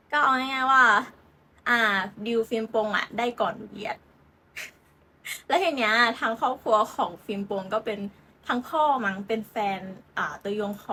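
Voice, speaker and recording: A young woman with a bright, high voice talks through football transfer news in a loose, chatty way. She giggles often and fills her talk with fillers and playful asides, like a host gossiping with her viewers. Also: a little hiss or hum. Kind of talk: casual football transfer chat.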